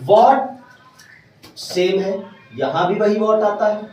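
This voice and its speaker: A man's voice: high-pitched, animated, takes it slowly, darkish tone, slight background noise. A man teaching a grammar lesson to a class, often stopping to check whether his students have understood. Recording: echoey room from far off.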